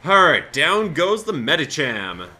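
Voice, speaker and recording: Bright, lively man narrating a game. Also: on the high side, a little slow, faint music behind. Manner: chatty, laughs often, thinks aloud. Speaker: Let's Play host. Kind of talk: gameplay commentary.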